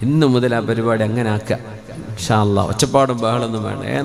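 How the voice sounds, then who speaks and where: A male Islamic preacher, giving a sermon in a conversational, questioning way and chanting short Arabic phrases in a melodic tone. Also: mid-range voice. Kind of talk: Malayalam religious sermon. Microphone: microphone.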